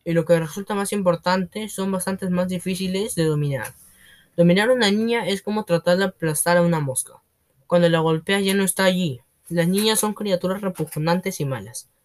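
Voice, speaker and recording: A man's voice: sits high, moderate pace, lightly acted. A man voicing a domineering, scornful headmistress who roars and bullies in a storybook reading. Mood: scornful, bullying. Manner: roaring, contemptuous, bossy. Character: bullying domineering female headmistress, booming and scornful.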